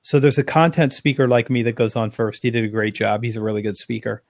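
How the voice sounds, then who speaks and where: A man, a guest on an interview, telling an animated anecdote in long run-on phrases. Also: mid-range voice, quick pace, vocal fry, no room sound, clean studio sound. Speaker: interview guest, sales speaker. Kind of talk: conversational storytelling.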